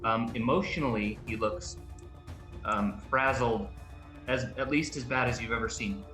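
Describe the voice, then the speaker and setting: A man playing a tabletop game, describing his character in a casual, halting, thoughtful way. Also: mid-range voice, pushed and bright. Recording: roomy echo, music underneath.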